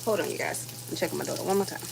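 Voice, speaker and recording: Over the sizzle of a pan in her home kitchen, a woman in her thirties talks to her viewers in a low, gravelly voice at a rapid-fire pace. The vlogger sounds tired, and her casual chat while cooking rambles on with lots of fillers.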